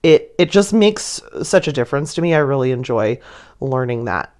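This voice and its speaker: With an extremely low yet slightly mellow voice and lively intonation, a woman speaks at normal speed as a voice-over for her own painting video. She chats and tells stories to viewers playfully and gushingly, laughing through sentences with frequent giggles.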